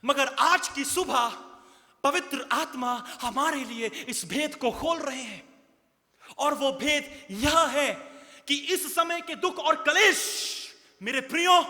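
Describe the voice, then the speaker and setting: A man's voice: very high-pitched, animated, slow, bright, forceful tone. A man preaching a sermon, drawing the congregation into call and response. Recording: long reverb of a large hall.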